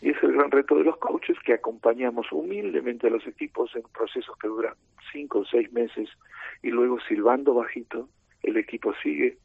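This is a radio interview over a tinny phone connection, where a middle-aged Argentine coach walks through his ideas like a lecturer, calm and measured. His mid-range voice sounds gravelly and a bit rough, and there is no echo.

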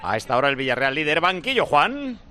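A man with a Spanish accent talks football live and off the cuff. His delivery is very quick, and his voice sits a little high. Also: very animated, sharp tone, a little hiss or hum. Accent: Spanish (Spain). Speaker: football broadcast commentator. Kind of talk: unscripted live sports chat.

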